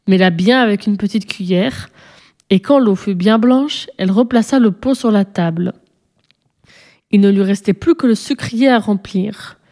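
Mellow woman reading a children's story. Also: mid-range voice. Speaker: narrator.

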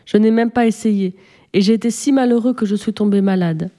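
A woman's voice: medium pitch, brisk, warm tone, lightly acted. A woman voicing a young lovesick man in a storybook, speaking in a pleading way.

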